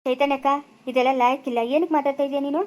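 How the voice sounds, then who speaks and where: A woman's voice: sits high, steady tone, rapid-fire, dark tone, lightly acted. Stern village brother, played by a woman. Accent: rural Chikkaballapura Kannada. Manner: stern and lecturing. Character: stern younger brother ruling the family house. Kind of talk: village family drama skit.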